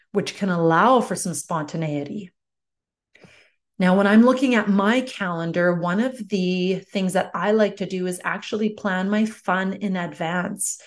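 A woman hosting a solo coaching podcast, explaining advice in a deliberate, encouraging, instructional way with pauses between phrases. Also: lowish voice. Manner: instructional, encouraging self-help address to the listener. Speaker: life coach podcast host.

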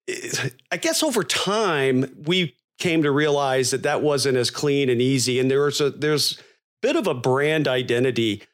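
A man's voice: medium pitch, fairly bright tone. A man co-hosting a podcast in casual conversation, wordy and thinking aloud as he goes. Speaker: podcast co-host.

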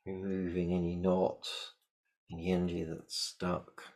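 A man leading a guided shamanic meditation, giving calm, repetitive step-by-step instructions. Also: low-pitched, measured pace.

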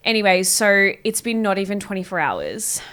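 A woman's voice: medium pitch, sing-song, moderate pace, fairly bright tone. A young woman, co-hosting a podcast and telling a story in casual chat, swearing freely and laughing often. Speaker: podcast co-host.

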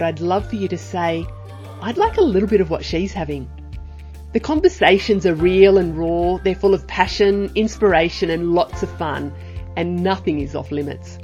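A woman's voice: on the low side, darkish tone, lo-fi sound. A woman, hosting a podcast in an enthusiastic, bubbly chat. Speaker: podcast host. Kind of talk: casual interview chat.

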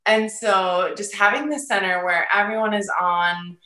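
A woman chatting casually as a podcast guest, expressive and voicing her own thoughts, with a roomy echo. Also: mid-range voice, unhurried. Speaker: podcast guest, feeding therapy business owner. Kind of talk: casual interview chat. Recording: echoey, roomy sound.

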